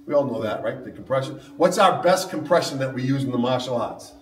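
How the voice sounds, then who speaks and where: A man's voice: mid-range voice, animated, fairly quick, recorded from a distance. A man teaching a martial arts seminar, upbeat and jokey, checking in with the class with "all right?" after nearly every point. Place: large training hall. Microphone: camera mic from a distance. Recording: echoey hall recorded from afar.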